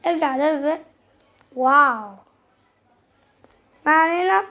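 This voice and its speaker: A woman with an Egyptian Arabic accent commenting on a game she is playing, excitable and teasing, jumping between loud cries and quick mutters. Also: high voice. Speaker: gaming YouTuber.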